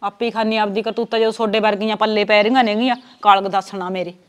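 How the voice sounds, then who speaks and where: A woman's voice: mid-range voice, steady tone, fast, smooth, lightly acted. A woman playing a bossy older mother-in-law in a village family, talking bluntly and scolding, with a Punjabi village accent. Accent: Punjabi village speech.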